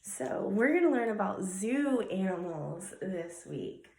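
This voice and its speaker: A woman's voice: medium pitch, sing-song, takes it slowly, darkish tone. A woman teaching a children's circle-time lesson in a kindergarten teacher voice, giving simple prompts and encouragement to small children. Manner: acts out animal noises. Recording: echoey room.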